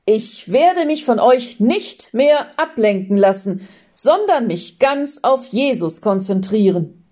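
A woman's voice: mid-range voice, a little slow, mellow, lightly acted. A woman voicing a restless, doubting man who frets and complains as he tries to meet Jesus. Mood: determined. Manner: frets and complains, rising to agitation.

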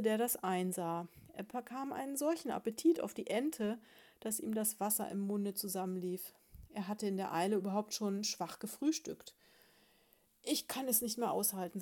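A woman's voice: mid-range voice, darkish tone. A woman hosting a children's bedtime story podcast, reading aloud in a cozy storytelling manner.

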